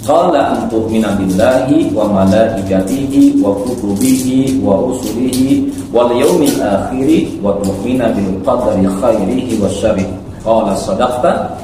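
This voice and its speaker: This preacher's voice is on the low side and a little mellow as he explains hadith to a congregation in an instructive religious lecture. Frequent "ya" tags and check questions punctuate his didactic style. It was recorded in a very echoey hall from a distant mic, with faint background noise.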